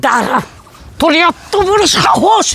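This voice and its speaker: A woman playing an elderly, combative mother-in-law who shouts accusations. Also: high voice, sing-song, a little slow, creaky, slight background noise, exaggerated voice. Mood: furious. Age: older. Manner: shouting, accusing, repetitive demands. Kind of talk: melodramatic family drama acting.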